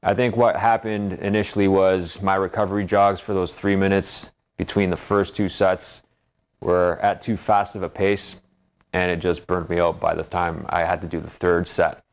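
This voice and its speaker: A man's voice: low voice, little pitch movement, normal speed. A man talking through his training in an explanatory vlog monologue. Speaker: vlogger documenting 10k race training.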